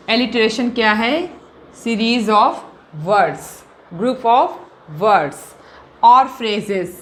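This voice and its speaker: Slow emphatic teacher, woman. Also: mid-range voice, slight background noise. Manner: emphatic, drawn-out key words, keeps asking "clear?". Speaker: English teacher. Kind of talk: classroom lesson, Hindi-English mix.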